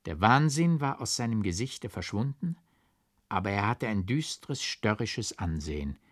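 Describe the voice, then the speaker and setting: Low-voiced man reading a literary audiobook. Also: big pitch swings, no echo, studio quality. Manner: measured, strongly rhythmic and carefully stressed. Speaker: audiobook reader.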